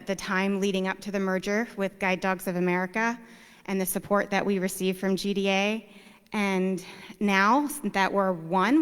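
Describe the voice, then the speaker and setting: A woman who directs a service dog program welcomes guests to a graduation in a heartfelt, halting way, often pausing on fillers and starting over. Her voice is clean and resonant. A long hall reverb trails behind each phrase. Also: mid-range voice, a bit bright, clear, resonant tone.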